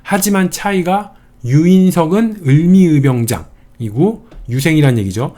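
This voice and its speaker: A man's voice: on the high side, warm tone. A man giving an exam-prep history lecture, chatty and playful, building mnemonic wordplay as he teaches.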